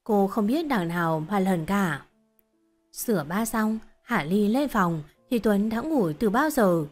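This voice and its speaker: A woman reading a short story as narrator in a steady, even storytelling voice. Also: medium pitch, measured pace, soft background music.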